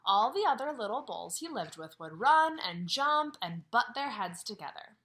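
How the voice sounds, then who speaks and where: Bright lively teacher lady reading to little kids from home, voice bouncing all over. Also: on the high side, normal speed, slight background noise. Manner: animated, asks questions and answers them herself. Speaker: kindergarten teacher. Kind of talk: read-aloud lesson for young children.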